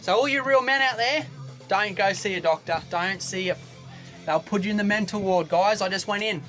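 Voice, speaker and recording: A man's voice: high-pitched, moderate pace, pushed and bright, soft background music. A young Australian man ranting to camera from a boat, rambling and repetitive, with a combative edge. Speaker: vlogger. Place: on a boat outdoors.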